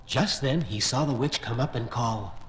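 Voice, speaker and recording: A man narrating a fairy tale on a vintage children's record in an expressive storytelling voice. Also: mid-range voice, normal speed, heavy background noise.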